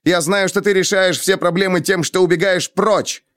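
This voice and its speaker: A man's voice: mid-range voice, animated, normal speed, no echo, studio quality, close to an everyday voice. A male audiobook reader voicing a proud, defensive young man who speaks in a heated, biting way. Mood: angry. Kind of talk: audiobook character reading.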